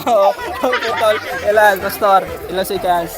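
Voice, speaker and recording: A man hosting games for schoolchildren outdoors, coaxing and counting down with animated energy. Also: high voice, unhurried, a loud crowd, very noisy. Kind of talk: lively outdoor game hosting.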